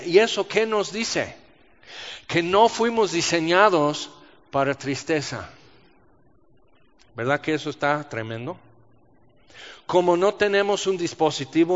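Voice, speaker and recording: Animated preacher in a reverberant hall. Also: male voice, a little high. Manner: animated, rhetorical questions, acts out quoted voices. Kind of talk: sermon. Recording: dull sound with long reverb in a large hall.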